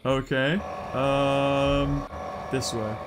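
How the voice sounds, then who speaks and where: A young British man giving casual gameplay commentary in a goofy, jokey, excitable way. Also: medium pitch, drawn-out words, noisy background. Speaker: gaming YouTuber.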